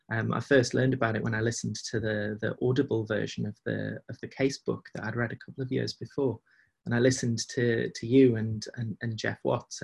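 A podcast guest who works as an agile coach chats casually and reflectively, speaking hesitantly and often repeating phrases as he goes. His voice is medium-pitched, creaky, and slightly rough.

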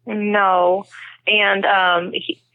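A woman's voice: medium pitch, flat delivery, drawn-out words, dry recording. A woman co-hosting a podcast, chatting in an easygoing way and laughing readily. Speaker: podcast co-host. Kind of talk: casual chat. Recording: tinny phone line.

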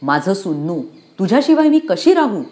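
A woman voicing a brave young village girl on crutches, in a storybook reading, speaking in a high, urgent and pleading way. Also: very animated, moderate pace, mellow, natural voice.

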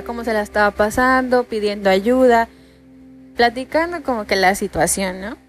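A young Mexican woman with a Mexican accent telling a personal story in a casual, chatty way, full of fillers. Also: mid-range voice. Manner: chatty, many fillers like pues and ya. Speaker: podcast host.

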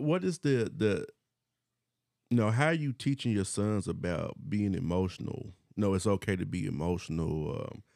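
A man hosting a casual podcast, animated and acting out what he once said. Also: deep voice, vocal fry, no room sound, studio quality. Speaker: podcast host.

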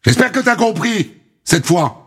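A man's voice: big pitch swings, measured pace, fairly bright tone, breathy edge, heavily acted. A man voicing a cruel, shrieking foster mother who spits insults. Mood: vicious. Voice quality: shrill, spiteful.

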